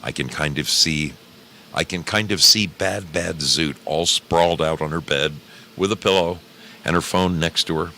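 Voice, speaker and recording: A man's voice: low voice, normal speed, vocal fry, pushed and bright, a little hiss or hum. A man hosting a livestream from a garage, chatting casually like a folksy showman and repeating his phrases for effect. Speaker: host of an old time radio programme livestream. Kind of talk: casual livestream chat, greeting viewers. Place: garage with a heater running.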